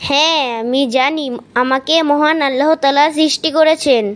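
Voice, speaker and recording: A woman voicing high little boy Samin. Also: steady tone, normal speed, fairly bright tone. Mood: earnest. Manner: recites answers politely. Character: young boy, earnest and frightened. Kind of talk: Islamic children's cartoon voicing.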